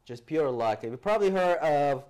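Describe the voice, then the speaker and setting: A man in his forties from El Salvador, a guest in a studio interview, telling his story with lively hand gestures and frequent restarts, on a lapel mic. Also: fairly high pitch, moderate pace. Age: 40s. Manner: animated, gestures with hands, many restarts. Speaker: guest speaker. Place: TV studio set, seated in armchair.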